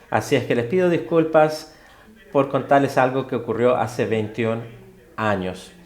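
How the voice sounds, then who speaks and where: A man giving a spoken interpretation of a university lecture, halting, with frequent fillers and self-corrections. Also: medium pitch, a little mellow. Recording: roomy hall sound.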